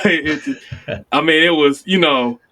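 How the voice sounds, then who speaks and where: A man in his forties from Chicago, telling stories in casual conversation, acting out quoted lines with sudden jumps in pitch. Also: slow pace. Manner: animated storyteller, acts out quotes with sudden high pitch jumps. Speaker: guest.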